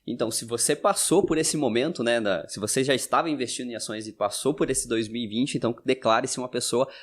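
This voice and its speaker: A man's voice: mid-range voice, fast talker. Brazilian man co-hosting a podcast. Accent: Brazilian Portuguese. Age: 30s. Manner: affirming, wraps up with sign-off. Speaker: podcast co-host. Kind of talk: casual investing podcast chat.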